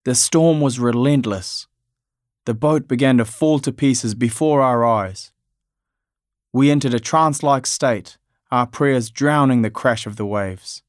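A man from Afghanistan narrating his family's story in a measured, reflective way. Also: medium pitch, no echo, clean studio sound.

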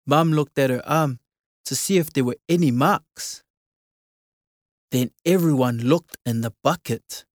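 A narrator reading a children's storybook aloud in a slow, expressive way. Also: medium pitch, no echo, studio quality.

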